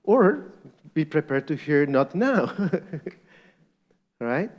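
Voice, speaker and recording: A man's voice: fairly high pitch, very animated, very slow, highs cut off. A middle-aged man with a Polish accent moderates a live panel, asking the audience questions and often chuckling as he speaks.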